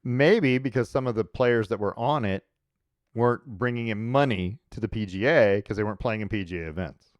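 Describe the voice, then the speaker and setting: Low-voiced blunt sports co-host man. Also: a little fast, no echo, lo-fi sound. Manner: blunt, opinionated. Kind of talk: casual sports talk.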